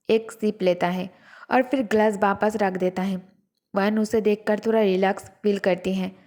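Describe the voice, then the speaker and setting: A woman narrating a dramatic romance story in a measured, descriptive way. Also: medium pitch, darkish tone.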